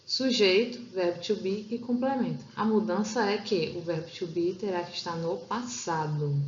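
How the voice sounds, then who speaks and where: A Portuguese-speaking woman teaching an English grammar lesson over slides, explaining step by step and slowing down to read example sentences. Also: medium pitch. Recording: roomy, dull lo-fi sound.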